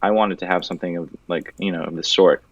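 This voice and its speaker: Young guy from venezuela, super low voice, laid-back joking chat, kinda muffled dry audio. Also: steady tone, quick pace, no echo. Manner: laid-back, loose and joking, with casual swearing. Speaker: guest artist. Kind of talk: casual interview chat.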